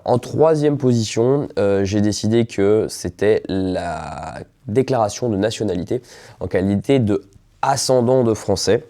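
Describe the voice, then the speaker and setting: A man explains legal rules to camera, pausing on fillers and small asides. His voice sits low and sounds warm and relaxed. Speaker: immigration lawyer. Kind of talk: explanatory video talk.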